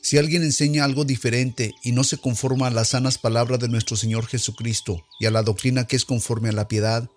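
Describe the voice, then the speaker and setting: A man reading scripture aloud in a solemn, measured, declamatory way. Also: medium pitch, fairly even intonation, soft background music. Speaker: scripture reader.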